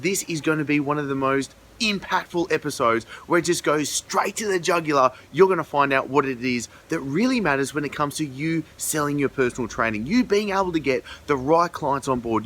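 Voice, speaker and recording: Higher-pitched man, emphatic coaching pitch. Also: a bit bright, a little hiss or hum. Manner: emphatic, earnest, salesy; walking around while talking. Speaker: host and fitness business coach. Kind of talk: direct-to-camera podcast intro pitch.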